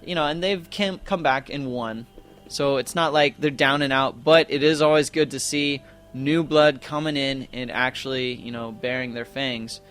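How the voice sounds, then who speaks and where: Young male esports caster, loose and talky, mid pitch, lots of "you know"s. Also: steady tone, moderate pace, fairly bright tone, faint music behind. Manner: chatty, rambling, lots of fillers and self-corrections. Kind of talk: casual live game commentary.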